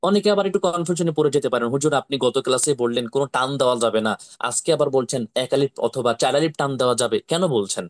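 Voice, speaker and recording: A man teaching how to read the Quran, slowly repeating syllables and asking his pupils to say them with him. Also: mid-range voice. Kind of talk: slow drilling lesson with repetition.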